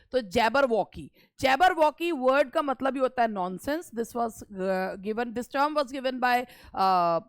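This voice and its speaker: Lady teacher going over exam terms step by step, clear smooth voice, bit high. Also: no room sound. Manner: explains step by step, repeating key terms. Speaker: English literature teacher. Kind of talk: exam-prep lecture mixing Hindi and English.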